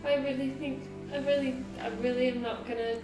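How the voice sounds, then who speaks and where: Female tabletop player, very high voice, casual and playful, in an echoey room over music. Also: little pitch movement, brisk. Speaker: player in a tabletop game show. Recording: roomy echo with background music.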